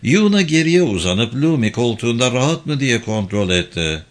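Male storyteller, lively melodic delivery, mid pitch, dramatic audiobook read. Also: moderate pace. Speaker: narrator. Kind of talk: audiobook narration.

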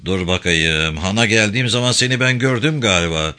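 A man voicing a jovial, gold-toothed middle-aged stonemason in a Turkish audiobook, speaking low and teasing. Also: fairly quick, bright, forceful tone. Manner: teasing, paternal, low-pitched.

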